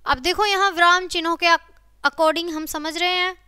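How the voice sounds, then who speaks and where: A woman's voice: very high voice, steady tone, moderate pace, pushed and bright, no room sound, studio quality. A woman teacher giving a grammar lesson to children, checking in with her students often and repeating key phrases.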